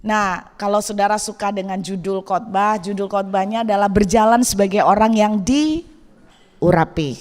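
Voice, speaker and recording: A woman pastor delivers a sermon in a light, humorous storytelling manner, often slipping English phrases into her talk. Her voice sits high, and her words ring out with the long reverb of a church hall. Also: a bit bright.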